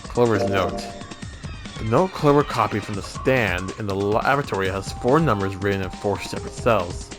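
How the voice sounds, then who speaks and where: A man's voice: fairly low pitch, normal speed. A man doing a let's play, reading game dialogue and narration aloud and sometimes stumbling over and rereading lines. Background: video game music.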